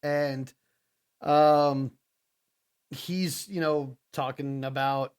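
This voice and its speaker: A man co-hosting a wrestling podcast, retelling the week's shows in a casual, animated way and acting out what the wrestlers said. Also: mid-range voice, drawn-out words, smooth. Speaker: podcast co-host.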